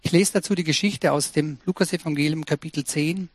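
A man's voice: a little high, brisk, no room sound. A man preaching a sermon, earnest and personal, speaking directly to his listeners. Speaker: pastor.

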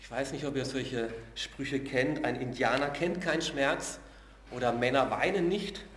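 Prediger in hallendem Saal. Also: male voice, mid-range voice, echoey room, slight background noise. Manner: earnest, slows and drops to a hush on key words; uses filler sounds between phrases. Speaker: preacher. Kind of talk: sermon.

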